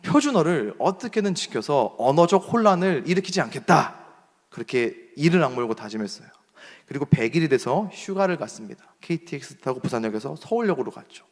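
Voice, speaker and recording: Young male pastor, Seoul speech, animated sermon storyteller, ringing hall reverb. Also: medium pitch. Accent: Seoul standard Korean. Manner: animated storyteller acting out shouted quotes. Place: church hall. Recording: long reverb of a church hall.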